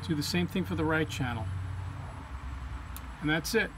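At a moderate pace and in a slightly high voice, a man gives an informal, step-by-step demonstration of equipment calibration in plain-spoken language. A clear background hum or ambient noise accompanies the recording.

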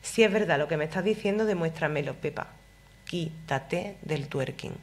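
A woman's voice: deep voice, moderate pace, close to an everyday voice. A woman voicing a controlling, sulky teenage boy who talks in whiny, guilt-tripping slang. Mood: accusing.

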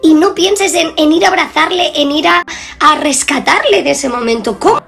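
High-voiced woman with heavy vocal fry. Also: normal speed, music in the background. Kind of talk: emotional video commentary.

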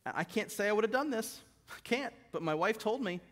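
A man's voice: expressive, brisk. Man preaching a story-filled sermon. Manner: retells stories, drops low and soft for quoted lines. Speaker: guest preacher. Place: church sanctuary.

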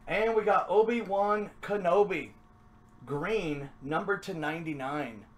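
A man hosts a trading card break, chatting casually while opening packs. He's upbeat, then drifts into mumbling to himself. His high-pitched voice is a bit bright and a little slow.

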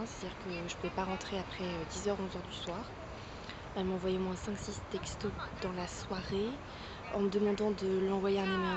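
A woman's voice: mid-range voice, very noisy. A young woman chatting casually while giving a tour of her home, with plenty of fillers and asides. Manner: chatty, coos at her dog. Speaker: vlogger.

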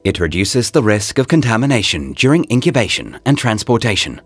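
A man narrates a scripted promotional voice-over for a product, speaking in short, deliberate, presentational phrases. His voice is on the low side and breathy, with big pitch swings, over background music.

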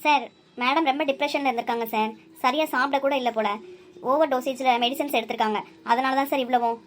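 A woman voicing a calm, firm hospital doctor in a cartoon, speaking in a measured, reassuring way. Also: high-pitched, voice pushed down, close to an everyday voice. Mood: grave. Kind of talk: cartoon voice acting.

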